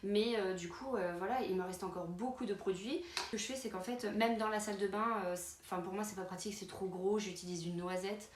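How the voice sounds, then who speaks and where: A woman at a middle pitch walks viewers through her toiletry bag in an easy, rambling way. She keeps stopping on fillers and restarting her sentences. The room around her adds an echo, and faint noise sits underneath. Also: steady tone, a little fast, few pauses. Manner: chatty, many fillers and restarts. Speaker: beauty vlogger. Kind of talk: casual product walkthrough. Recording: roomy with faint background noise.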